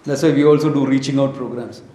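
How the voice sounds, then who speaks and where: Quick-paced and mellow, with a steady tone at medium pitch, an Indian-accented spiritual teacher delivers an informal scripture lecture full of storytelling. He speaks in short, emphatic phrases, asks rhetorical questions and drops into Hindi and Sanskrit; the room echoes.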